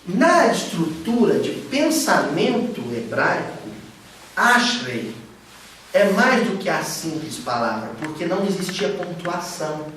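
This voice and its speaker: In the study room of a spiritist center, a high-voiced man teaches a study group at a slow pace. He keeps things casual and animated, regularly questioning his listeners during this informal teaching talk. The echoey room is recorded from far off, with slight background noise.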